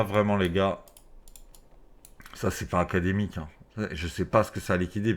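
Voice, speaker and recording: A man speaking through a face mask, giving casual, off-the-cuff market commentary to his viewers in informal, slangy language with some swearing. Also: fairly low pitch. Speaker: crypto trading video host.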